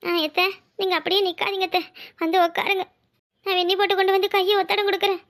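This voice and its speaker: A woman voicing a timid, high-voiced young bride. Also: level tone, fast talker. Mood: eager to help. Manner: soft, pleading. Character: meek young new bride, timid and pleading. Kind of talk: cartoon voice acting.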